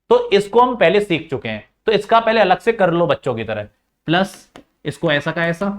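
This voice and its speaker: A male teacher working through a maths lesson step by step, coaxing and repeating the key points straight to his students. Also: on the high side.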